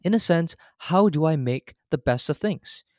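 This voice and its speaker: A man's voice: fairly high pitch, expressive, normal speed, a little mellow, no echo. Dry-sounding male podcast host. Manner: polished, semi-scripted questions. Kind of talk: podcast interview.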